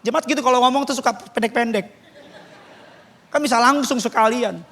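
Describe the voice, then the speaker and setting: A man preaching a sermon as pastor, animated, acting out dialogues and mixing in English. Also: very high-pitched, brisk.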